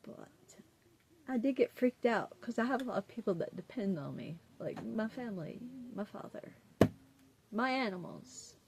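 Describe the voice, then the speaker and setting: A woman's voice: fairly high pitch, animated, normal speed, vocal fry, noisy background. A middle-aged woman with an Appalachian West Virginia accent, chatting casually and bluntly to her viewers in a defiant, sweary way. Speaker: vlogger. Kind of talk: casual, rambling chat to viewers.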